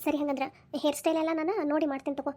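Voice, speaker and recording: A woman voicing a cheerful, helpful younger sister who talks briskly and reassuringly, in a Dharwad Kannada accent. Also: sits high, level tone, a little mellow, close to an everyday voice. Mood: chatty. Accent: North Karnataka (Dharwad) Kannada.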